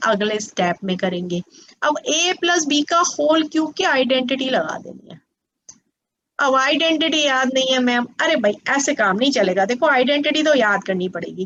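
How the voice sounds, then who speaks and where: A woman's voice: a little high, fairly bright tone. A woman teaching maths to students as a tutor, patient and coaxing, often checking that they follow. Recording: slightly dull lo-fi sound.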